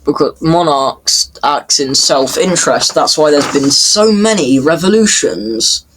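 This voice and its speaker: A man giving casual off-the-cuff commentary in a halting way, stammering and repeating words. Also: a little high, fairly bright tone, husky, poor audio. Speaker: reaction commentator.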